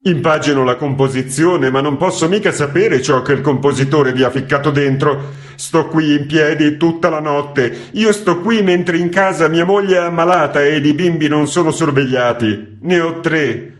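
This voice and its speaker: A man voicing a contrite, talkative male typesetter who rambles and pleads loudly. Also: fairly high pitch, moderate pace, pitched above the performer's own voice, close to an everyday voice. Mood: pleading.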